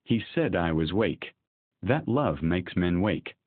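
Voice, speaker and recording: A man voicing a young billionaire husband who is opening up after years of holding back, read in a steady, even way. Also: low voice, takes it slowly, husky, dry recording, exaggerated voice. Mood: earnest. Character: guarded young billionaire husband turning earnest. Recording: dry, tinny phone-like sound.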